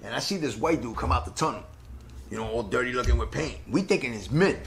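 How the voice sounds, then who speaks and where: A man's voice: medium pitch, fast talker, gravelly. A middle-aged man with a New York accent telling stories in a casual, streetwise interview, acting out voices as he goes. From the Bronx, New York. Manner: streetwise, animated storyteller, acts out voices. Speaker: interviewee, graffiti writer.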